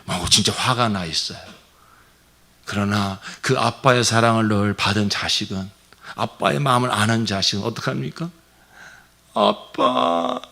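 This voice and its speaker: A male pastor delivering a Sunday sermon, swinging between raised, passionate preaching and soft, near-whispered asides. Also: lowish voice, moderate pace. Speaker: senior pastor. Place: church sanctuary.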